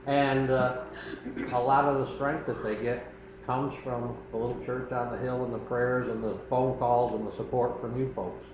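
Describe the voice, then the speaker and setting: An older man preaching a sermon as pastor of a small church, earnest and conversational with pauses. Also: mid-range voice, flat delivery. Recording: echoey room with faint background noise.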